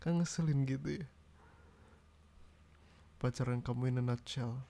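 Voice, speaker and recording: A man's voice: mid-range voice, measured pace, vocal fry, mellow. A young man doing an ASMR boyfriend role-play, talking in a pouty, nagging way close to the mic. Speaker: ASMR roleplay creator.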